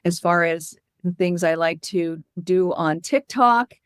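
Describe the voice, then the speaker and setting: A woman's voice: fairly low pitch, takes it slowly, clean tone, no room sound, clean studio sound. A woman speaking as an interview guest and hospice educator, telling anecdotes and explaining things in a candid, earnest, conversational way.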